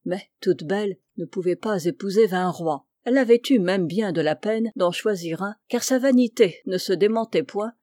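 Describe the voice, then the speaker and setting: A woman narrates an old fairy tale in a measured, expressive storytelling manner. Her voice is mellow and warm, with a soft edge. The recording is close and dry, with no room sound. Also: medium pitch, no echo. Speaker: reader.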